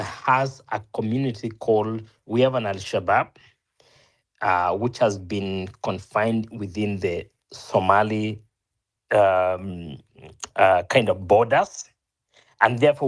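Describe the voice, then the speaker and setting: Pressing his case in a discussion, this Kenyan man grows louder as he pushes a point, speaking earnestly and frequently starting over or correcting himself. His pitch is fairly low.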